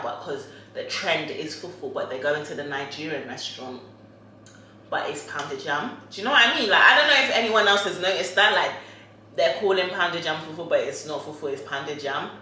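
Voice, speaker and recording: A woman's voice: deep voice, sharp tone, slight background noise. A woman vlogger chatting casually while eating, rambling with lots of fillers. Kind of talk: casual chat mukbang. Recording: very echoey room.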